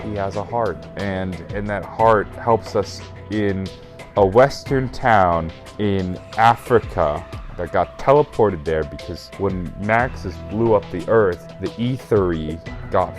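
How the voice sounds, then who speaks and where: A man's voice: sits low, slow pace, soft background music. A very drunk man rambling through a casual comedic retelling as host, emphatic and profane, often losing track and correcting himself. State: very drunk, burping. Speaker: host retelling a video game storyline.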